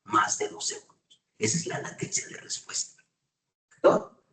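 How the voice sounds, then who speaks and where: A man's voice: unhurried, bright, forceful tone, recorded from a distance. A man giving a university lecture, often checking in with students with short questions. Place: classroom. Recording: echoey room, voice off-mic.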